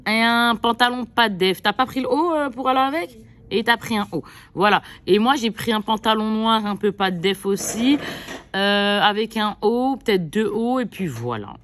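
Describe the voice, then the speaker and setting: Slightly high and a bit bright, her voice has lively intonation and a normal pace, with slight background noise behind it. A vlogger mom of several kids, she chats directly to viewers about her shopping, rambling with many fillers and self-corrections.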